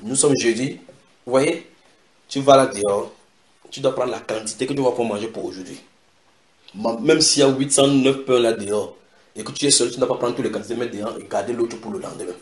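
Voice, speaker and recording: A man preaching a sermon in an animated way, repeating key phrases for emphasis. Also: mid-range voice, fairly quick. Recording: echoey room.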